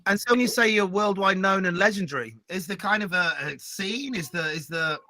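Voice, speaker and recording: A man's voice: sits high, expressive, fairly quick, sharp tone, soft background music. A man hosting a casual interview, asking rambling, self-deprecating questions. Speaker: host.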